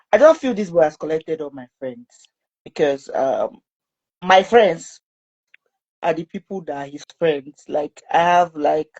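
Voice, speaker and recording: A woman, a mother being interviewed, telling her story in a lively way and acting out her son's cries. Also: muffled recording. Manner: animated, acts out her son's screams in a high voice.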